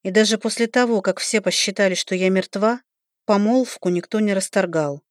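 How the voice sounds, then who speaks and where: A woman narrating a fantasy novel in first person, in an even storytelling delivery, on a close studio mic. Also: mid-range voice, normal speed, dry recording. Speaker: audiobook narrator.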